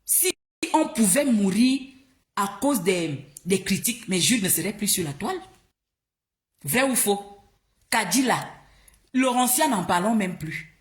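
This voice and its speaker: On a live stream, a woman from Gabon delivers a heated monologue, her lively intonation swinging up and down as she argues at a measured pace with long pauses. Indignant and confrontational, she repeats her questions and stumbles into restarts when agitated.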